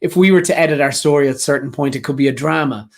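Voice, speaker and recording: A man of ordinary, middle pitch speaks earnestly to job seekers in a live online session. He talks straight to his listeners and drives his points home by repeating key phrases. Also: quick pace. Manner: earnest, repetitive, speaks directly to the audience. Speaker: career coach presenter. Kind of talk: motivational live session talk.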